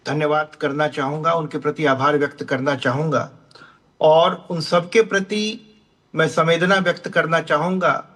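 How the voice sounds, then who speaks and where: Formal male party spokesperson, bright tone. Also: fairly high pitch. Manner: formal, ceremonious, measured. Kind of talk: formal political statement.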